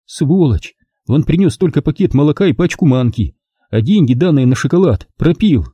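A man reading a first-person story aloud, expressive and lively. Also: on the high side, normal speed, breathy edge, dry recording, lo-fi sound. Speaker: audiobook reader. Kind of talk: first-person audiobook narration.

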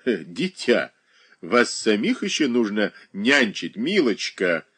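A man voicing a capricious, childish young married woman who whines and pouts in a high, drawn-out voice. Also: sing-song, fairly bright tone, slightly rough, exaggerated voice. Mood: whiny coquettish.

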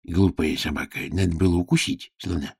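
A man playing a vain, petty little king with a gravelly voice. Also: steady tone, fairly quick, a little mellow, no room sound, exaggerated voice. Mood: capricious. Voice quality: low gravelly husky voice. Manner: capricious, smug, suspicious. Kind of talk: audiobook drama reading.

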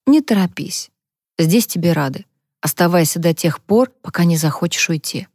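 A female narrator voices a gentle older mother, speaking in a soothing, caring tone. Her voice is low for a woman, expressive and moderately paced, recorded dry and close.

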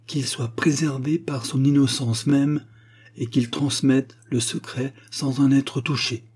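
A man reading aloud, voicing a weary, remorseful dying father who dictates in a halting, pleading way. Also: medium pitch, fairly even intonation, a little mellow, husky, voice pushed up.

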